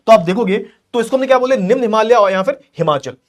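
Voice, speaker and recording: A male teacher rushes through an exam-prep lecture at a quick clip, his voice pitched high. He keeps repeating key terms and firing rhetorical questions at the class. He urges students to keep up while he sketches on the board. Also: animated. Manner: explains while drawing on a board.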